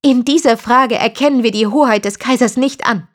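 A woman's voice: fairly high pitch, normal speed, voice pushed up, close to an everyday voice. A woman voicing a defiant, devout young woman in an audiobook, speaking earnestly and intensely. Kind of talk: audiobook character reading.

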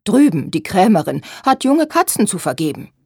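A woman voicing a blunt, sharp-tongued old grandmother in a storybook reading. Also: medium pitch, very animated, moderate pace, breathy edge, no room sound, clean studio sound. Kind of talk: audiobook reading.

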